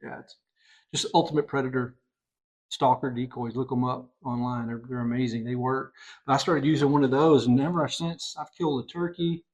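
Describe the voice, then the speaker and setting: A middle-aged man hosting a podcast, telling a hunting story in casual chat, excitable and animated. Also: mid-range voice, normal speed, highs cut off. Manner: excitable, animated storyteller, voices others in quotes. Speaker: podcast host.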